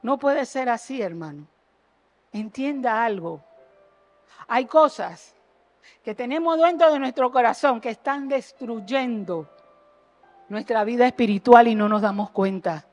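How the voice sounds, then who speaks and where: A woman preaching an impassioned sermon in a church, jumping between loud exhortation and low earnest asides and firing rhetorical questions at the congregation. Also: a little slow, long pauses, soft background music. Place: church sanctuary.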